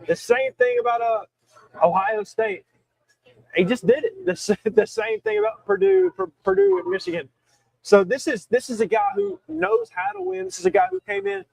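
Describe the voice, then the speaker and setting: A man's voice: very high voice, very animated, normal speed, gravelly, darkish tone, no echo, low-quality recording. A young man hosting a solo sports talk show, talking emphatically with frequent restarts and self-corrections while he has the hiccups. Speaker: show host.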